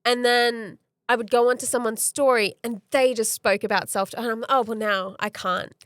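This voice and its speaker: Give me a woman coach with a bright, high-ish voice talking through her own thoughts in a dry recording. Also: fairly even intonation, moderate pace, no echo. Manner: reflective, acts out her own thoughts in quotes. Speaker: guest coach. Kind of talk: casual interview chat.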